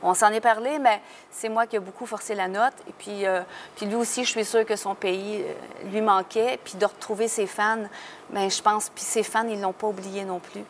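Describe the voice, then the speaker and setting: A chatty woman singer with a strong Québécois French accent, frank and quick to laugh. Her voice sits mid-range. A faint hiss of noise hangs behind her. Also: medium pitch, steady tone. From Quebec. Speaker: singer guest. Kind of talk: casual interview.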